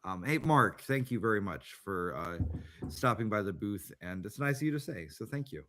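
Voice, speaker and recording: A man with a fairly low voice hosts a casual chat about tabletop games. He rambles along and often restarts his sentences, with plenty of ums and uhs. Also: expressive, moderate pace, fairly bright tone. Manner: rambling, with many fillers and restarts. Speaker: podcast host.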